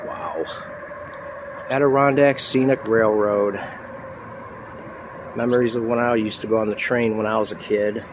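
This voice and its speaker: A man's voice: on the low side, unhurried, long pauses, background noise. A man in his thirties casually narrating a walking tour outdoors at a train station, filming with a handheld phone and chatting as he points things out. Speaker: vlogger.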